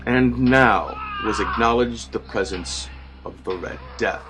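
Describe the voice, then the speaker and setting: Theatrical male narrator over music. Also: fairly low pitch. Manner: theatrical, measured, formal. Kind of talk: dramatic scripted narration of gothic horror. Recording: music bed under narration. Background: background music.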